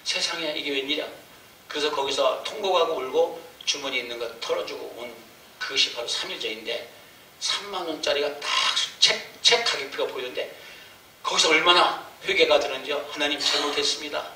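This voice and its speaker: A man's voice: a little high, brisk, pushed and bright, recorded from a distance, slight background noise. Emotional man preaching in an echoey church. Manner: emotional storytelling, acting out his own prayers and cries. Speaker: missionary preacher. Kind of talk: sermon testimony. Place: church sanctuary.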